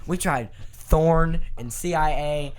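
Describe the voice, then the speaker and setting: A man in a casual podcast chat, excitable and quick to jump in. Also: a little high, crowd noise. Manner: excitable, fast-talking.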